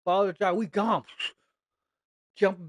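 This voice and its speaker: Animated man telling a blunt story. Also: sits high, normal speed, no room sound. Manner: animated, blunt, heavy swearing. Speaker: gaming streamer. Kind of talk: casual storytelling on a livestream.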